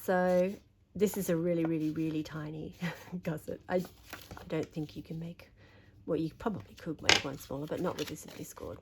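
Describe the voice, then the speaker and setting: An Australian woman with a slightly croaky voice, talking through a papercraft tutorial while she folds and trims, chatty and thinking aloud. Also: deep voice, fairly even intonation, moderate pace, few pauses, a little hiss or hum. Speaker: papercraft demonstrator. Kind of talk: craft tutorial narration.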